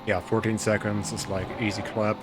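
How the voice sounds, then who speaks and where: Loud music and heavy racing-game car and traffic noise sit behind a lowish voice at normal speed. The speaker is a German man with a light accent, chatting in a relaxed way with stream viewers, greeting and thanking them as he plays.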